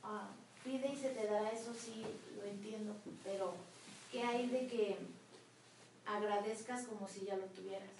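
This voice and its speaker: A woman's voice: mid-range voice, steady tone, a little slow, a little mellow, slight background noise. A woman in a group discussion who asks questions and shares her own experience. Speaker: group member. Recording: echoey room, far from the mic.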